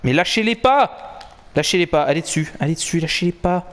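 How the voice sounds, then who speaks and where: A young man giving excited, swearing live commentary while playing a football video game. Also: fairly high pitch, a little fast. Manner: animated, swearing, cheering and groaning at the match. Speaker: gaming commentator.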